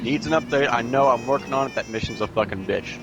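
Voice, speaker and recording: A man's voice: mid-range voice, quick pace, highs cut off, music in the background. A man chatting casually in a laid-back, rambling way while he plays a video game with friends. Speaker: let's play gamer. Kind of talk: casual gameplay commentary.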